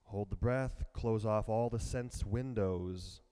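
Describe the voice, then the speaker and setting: A man leading a guided meditation and breathing practice, speaking slowly and calmly in a soft voice. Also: on the low side, clear, resonant tone. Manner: slow, calm and soft-spoken. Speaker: meditation teacher.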